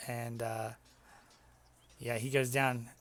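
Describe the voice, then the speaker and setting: A man's voice: medium pitch, little pitch movement, slow pace, fairly bright tone. A man narrating as dungeon master, casual and laughing, with some swearing. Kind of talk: narrating a tabletop game.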